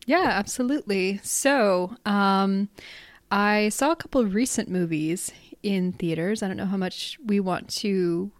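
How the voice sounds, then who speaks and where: A woman's voice: medium pitch, measured pace, no echo. A woman co-hosting a film podcast, talking in a chatty, thoughtful way and laughing easily. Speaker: podcast co-host. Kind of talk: casual chat.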